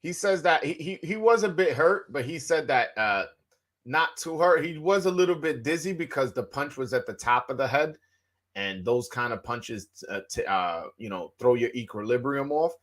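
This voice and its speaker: A man's voice: mid-range voice, expressive, unhurried, fairly bright tone. A Dominican man interviewing a boxer, asking in Spanish and translating into English, with many fillers and restarts. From Dominican Republic. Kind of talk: bilingual interview with own translation.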